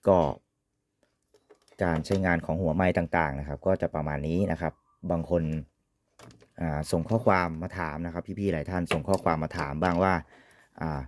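A man's voice: deep voice, fairly even intonation, moderate pace, a little hiss or hum. A man giving an informal, polite product demonstration as an equipment reviewer, often ending phrases with courtesy particles.

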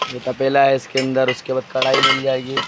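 A man showing stock in a crowded wholesale storeroom, briskly listing items and prices and telling a helper what to hold up. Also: mid-range voice, monotone, very noisy. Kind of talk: walk-through product showcase.

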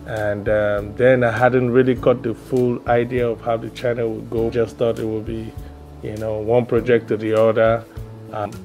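Relaxed man hosting his own vlog. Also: mid-range voice. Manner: relaxed, hesitant, many ums and uhs. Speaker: vlogger host. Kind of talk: casual vlog talk.

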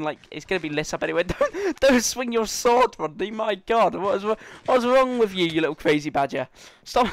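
A man talks his way through a gaming session in casual let's-play commentary, excitable and playful as he chats with the other players. His voice sits a little high and sounds smooth and clear. The recording is close and dry. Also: no room sound. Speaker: gaming channel host.

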